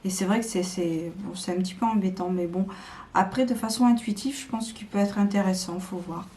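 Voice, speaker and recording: A woman's voice: mid-range voice, a little fast, mellow, a little hiss or hum. A woman showing tarot decks to camera in a casual, hesitant chat full of fillers and restarts. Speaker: tarot video creator.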